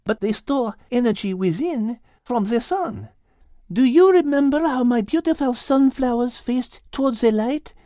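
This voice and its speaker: A woman's voice: on the high side, lively intonation, unhurried, dark tone, no room sound, studio quality, voice pushed up. A woman voicing an encouraging female teacher with a put-on French accent who drops French words into her explanations. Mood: enthusiastic.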